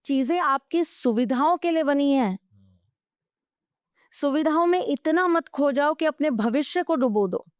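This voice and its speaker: A woman's voice: sits high, measured pace, no echo, clean studio sound. A woman astrologer, the guest on a podcast interview, giving earnest advice and telling stories from her own life. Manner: animated storytelling, anecdotes from her own life; advising, earnest.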